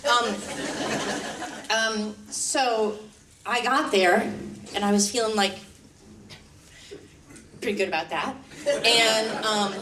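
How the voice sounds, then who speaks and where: A woman's voice: a little high, fairly bright tone, a little hiss or hum. A woman violinist telling stories from her life in a live one-woman stage show, chatty and self-deprecating, with light laughs. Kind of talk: live stage storytelling monologue. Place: stage before a live audience. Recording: roomy hall, mic at a distance.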